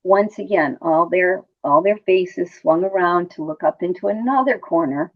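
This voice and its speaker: A woman's voice: lowish voice, moderate pace. A middle-aged woman, a nurse being interviewed, talking conversationally and telling personal stories, repeating words for emphasis. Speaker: hospice nurse interview guest. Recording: muffled phone-like line.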